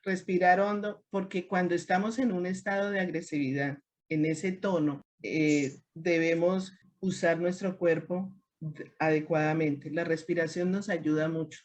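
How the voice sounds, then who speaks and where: Woman leading a lively women's class. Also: on the low side, unhurried. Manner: lively, acts out quoted speech. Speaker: discipleship class leader. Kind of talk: teaching a group discussion.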